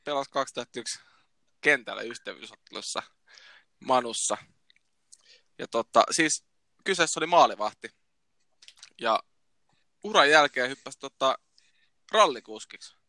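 A man co-hosting a casual podcast chat over a remote call, relaxed and chatty with hesitant fillers. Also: mid-range voice, long pauses, no echo, studio quality. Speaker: podcast co-host. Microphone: remote call recording.

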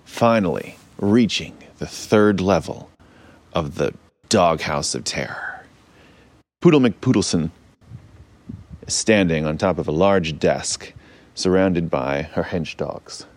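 Deep-voiced man narrating a playful space adventure. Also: slow, no echo. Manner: playful, rambling asides. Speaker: storyteller and narrating captain. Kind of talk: improvised audio adventure narration.

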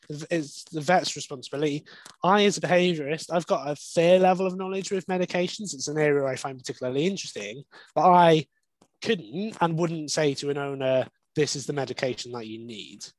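A man's voice: a little high, fairly quick, no room sound, rough recording. Man, dry close sound. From Wales. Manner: candid, conversational, explains at length. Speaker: dog behaviourist. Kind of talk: podcast interview.

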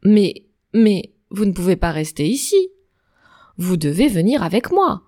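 A woman's voice: mid-range voice, sing-song, a little slow, mellow. A woman doing a flustered pompous knight. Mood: flustered insistent.

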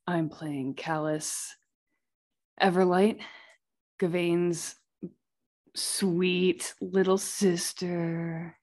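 A woman voicing a sultry little-sister adventurer in a tabletop game, with a slow, smoky, breathy delivery. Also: lowish voice, fairly even intonation, a little mellow.

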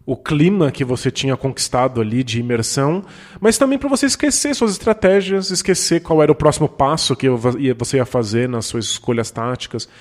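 A man's voice: fairly high pitch, darkish tone. A man with a Brazilian accent co-hosting a podcast, explaining ideas thoughtfully with frequent restarts. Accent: Brazilian Portuguese. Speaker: podcast co-host. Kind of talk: casual discussion. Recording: long reverb.

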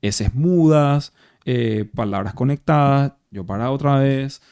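A man's voice: medium pitch, slow, darkish tone, clear, resonant tone, no room sound, studio quality. A man with a Paraguayan accent, an actor guest chatting casually over beers, reflective and full of restarts. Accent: Paraguayan Spanish. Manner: reflective, many restarts and tag questions. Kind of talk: casual interview chat. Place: bar or café over beers.

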